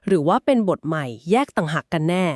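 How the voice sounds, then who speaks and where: A woman co-hosting a podcast, calmly and patiently explaining things step by step. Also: lowish voice, fast talker, dry recording, studio quality. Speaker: podcast co-host explaining Quran etiquette.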